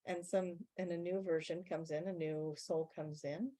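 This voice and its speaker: A low-pitched woman speaks as a channeller in a spiritual Q&A. She explains things in a measured way and often slows down to stress key words. Her voice stays deep and steady throughout. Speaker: channeller speaking as a guide being.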